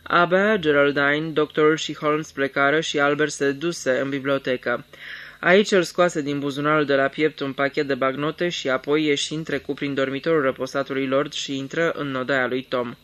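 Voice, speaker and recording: A man narrating a detective story in a measured storytelling voice. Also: a little high, steady tone, a bit bright. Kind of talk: dramatic reading of a detective story.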